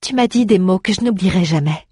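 A woman acting out a stubborn, warm-hearted traveling actress in an audio drama. She talks in a tender, coaxing way, with a slightly husky voice at a middle pitch. The recording is dry and close. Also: expressive, brisk, no room sound.

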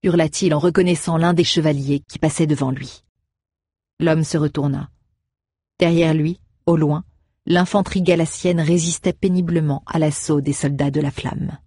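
A man reading a fantasy novel aloud in steady, measured narration. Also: on the high side, no echo, studio quality. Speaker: audiobook narrator. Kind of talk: audiobook narration.

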